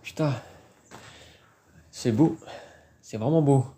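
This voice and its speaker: Speaking slowly in a dark, medium-pitched voice, a man narrates a live stream on his handheld phone while exploring an abandoned site outdoors. The delivery is casual and hesitant, like he's thinking out loud.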